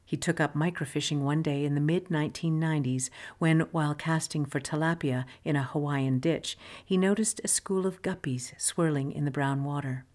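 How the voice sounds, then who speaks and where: Woman narrator, low register, wry essay reading with deadpan timing. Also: normal speed, few pauses. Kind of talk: scripted narration of a magazine essay.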